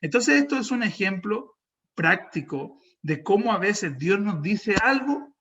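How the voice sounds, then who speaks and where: A man's voice: high-pitched, a little slow, highs cut off. A young adult man with a Chilean accent preaching a sermon, telling a personal story and acting out the dialogue. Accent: Chilean Spanish. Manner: animated storytelling, acts out dialogue. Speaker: pastor.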